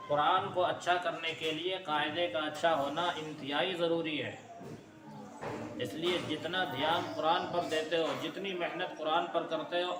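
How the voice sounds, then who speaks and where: High-voiced man teaching recitation in an echoey room. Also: recorded from a distance, heavy background noise. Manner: slow, drawn-out chanted examples between firm, patient explanations. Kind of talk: tajweed lesson, modeling recitation for a pupil to repeat.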